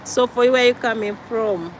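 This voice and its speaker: A woman's voice: a little high, a little fast, a little hiss or hum, poor audio. A Ugandan woman with a Ugandan accent gives an earnest, preachy vlog monologue, repeating her points for emphasis. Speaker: vlogger.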